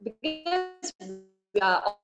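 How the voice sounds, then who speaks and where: A woman's voice: sits high, sing-song, extremely slow, highs cut off, over loud music. A woman teacher with a Malaysian English accent, teaching an online class in a chatty way and acting out short examples. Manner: chatty, explains with examples and acted asides.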